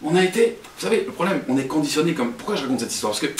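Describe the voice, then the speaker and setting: A man's voice: fairly high pitch, expressive, rapid-fire, a little hiss or hum. A man giving a humorous talk as a rabbi, acting out dialogue and laughing often. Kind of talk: humorous storytelling lecture. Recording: echoey room, voice from a distance.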